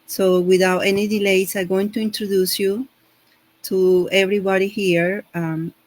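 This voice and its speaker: A woman hosting an online panel, speaking hesitantly with many pauses and fillers. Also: mid-range voice, little pitch movement, rough recording. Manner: hesitant, many "um" and "uh", non-native phrasing.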